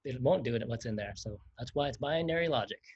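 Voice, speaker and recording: A man's voice: medium pitch, expressive, fast, a little mellow, slightly rough. A man teaching a livestreamed coding lesson, chatty and explanatory, often laughing. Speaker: coding instructor. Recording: dull lo-fi stream audio.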